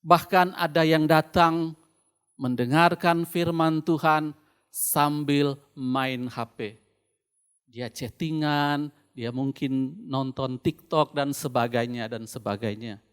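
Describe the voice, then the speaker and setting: Slow, clear Indonesian male preacher through a mask. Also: fairly high pitch, steady tone. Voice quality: slightly muffled, speaking through a face mask. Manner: deliberate, with pauses and repeated phrases for emphasis. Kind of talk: sermon.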